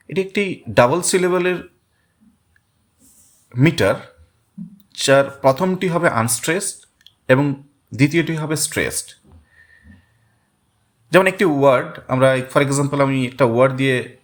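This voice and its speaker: A man teaching a literature lesson, explaining step by step and repeating words to show where the stress falls. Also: on the high side. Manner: reads English quotations very slowly. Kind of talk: Bengali-language literature lesson.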